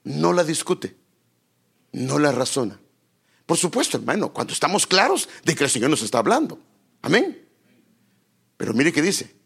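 A man's voice: on the high side, big pitch swings, moderate pace, vocal fry, long pauses, a bit bright, breathy edge. A man preaching a sermon, quoting scripture and calling his listeners brother.

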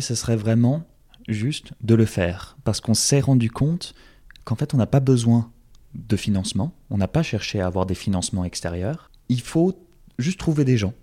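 Here a young man from France, a former campaign organizer, is the guest in a relaxed interview, speaking with a French accent, frequent fillers, and many restarts. His voice is medium-pitched and mellow.

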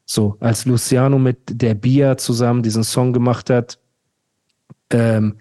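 A man's voice: medium pitch, level tone, unhurried, warm tone. A man hosting a casual rap podcast, ranting emphatically and repeating himself. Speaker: podcast host.

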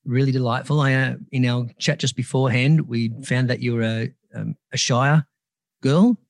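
A man with an Australian accent hosting a conversational interview in a measured, courteous way. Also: mid-range voice, steady tone, creaky, no echo. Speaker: podcast host.

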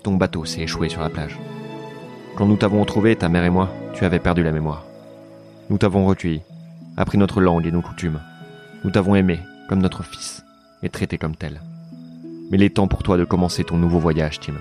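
A man voicing a solemn, tender middle-aged father in an audio drama, speaking gravely and quietly. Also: deep voice, fairly even intonation, fairly quick, pauses often, faint music behind, lightly acted.

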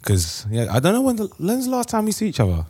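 A man's voice: sits high, wildly swooping pitch, fast, mellow, breathy edge. A man with a London roadman accent hosting a podcast in casual, playful, slang-heavy banter. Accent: London roadman, multicultural urban slang. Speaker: podcast host.

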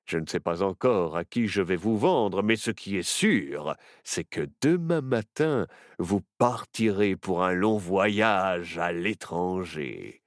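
A man reading as a gloating storybook ringmaster who threatens children in a slow, taunting drawl. His pitch swoops widely, and the dry, close recording keeps every sneer near. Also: lively intonation, no echo, heavily acted. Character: menacing adult male circus ringmaster, scheming.

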